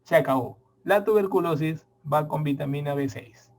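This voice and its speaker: A man's voice: on the high side, normal speed, a little mellow, a little hiss or hum. A middle-aged man, giving a medical exam prep lecture. He stresses and repeats the key points and speaks straight to his students.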